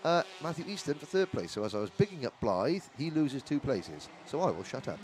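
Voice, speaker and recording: A man's voice: mid-range voice, big pitch swings, a little fast, darkish tone. A man commentating live on motorsport, with chatty, jokey, rambling asides. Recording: outdoor trackside with clear engine noise.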